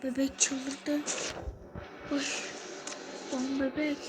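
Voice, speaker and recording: A woman commenting on a horror game as she plays, swearing a lot and swinging between loud threats and hushed whispers. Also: sits high, level tone, drawn-out words, noisy background. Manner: scared, swearing often. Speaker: gamer.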